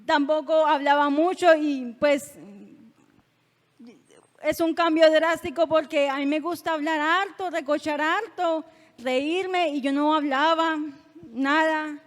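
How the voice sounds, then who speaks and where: A young woman giving an earnest, halting personal testimony in a church, often restarting her words as emotion builds. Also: sits high, fairly even intonation. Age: young adult. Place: church sanctuary. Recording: long reverb of a church hall.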